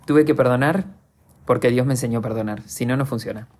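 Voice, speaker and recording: An Argentine man speaks in a reflective podcast monologue, earnest and confessional as he addresses his listeners directly. His voice is mellow and dark in tone, with a slightly husky grain. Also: medium pitch, fast. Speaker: podcast host.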